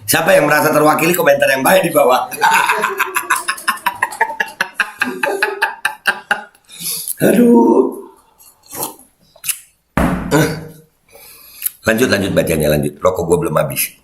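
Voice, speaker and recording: A man's voice: mid-range voice, fast, fairly bright tone, roomy sound, slight background noise. A man hosting a casual commentary, mocking and laughing as he reads comments aloud. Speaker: host.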